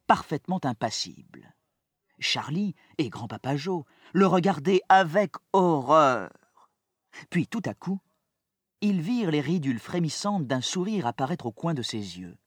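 A man narrating a children's story aloud in an expressive, dramatic audiobook style. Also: on the high side, husky, dry recording, studio quality. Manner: lively and dramatic, shifting with the story.

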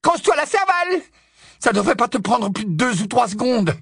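A man's voice: huge pitch swings, slow, bright, forceful tone, slightly rough, dry recording, studio quality, full character voice. A man voicing a furious, shrieking teenage girl witch who screams and mocks. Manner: shrill, screaming, sarcastic.

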